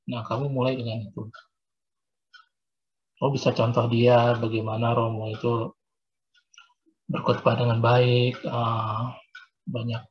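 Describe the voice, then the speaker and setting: A man teaching religion, explaining a practical exam to his students in a casual, patient way with frequent fillers, over a video call. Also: medium pitch. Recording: dull lo-fi video call audio.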